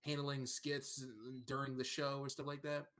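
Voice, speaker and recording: A man's voice: mid-range voice, completely flat delivery, fairly bright tone. A man co-hosting a podcast in casual chat over an online voice call, who argues his points and teases the others. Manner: argumentative, quick to explain and tease. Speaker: podcast co-host.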